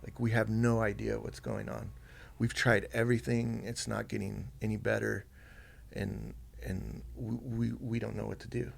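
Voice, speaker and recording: A man, a podcast guest telling a personal story softly and haltingly, with many fillers and restarts. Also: fairly low pitch, little pitch movement, vocal fry.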